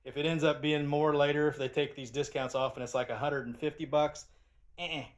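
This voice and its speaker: A man's voice: a little high, fairly even intonation, brisk. A man giving a casual, rambling product review as the channel's host, often restarting his sentences. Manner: chatty and rambling, with frequent restarts.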